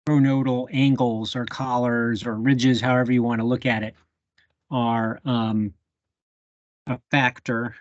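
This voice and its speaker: A man's voice: mid-range voice, no room sound, dull audio. A man leading a live bee identification workshop over a video call, thinking aloud with fillers as he works a microscope. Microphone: computer mic on a video call.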